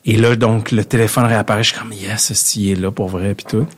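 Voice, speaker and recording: A man's voice: on the low side, flat delivery, fast, slightly rough. A man with a Québécois French accent, a podcast guest telling a long, self-mocking story in casual chat with frequent restarts and laughter.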